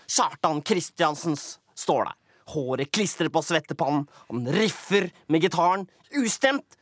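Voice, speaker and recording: A man's voice: animated, a little hiss or hum. Theatrical man narrating a mock documentary. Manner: theatrical, swings between booming and hushed. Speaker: comedy show host.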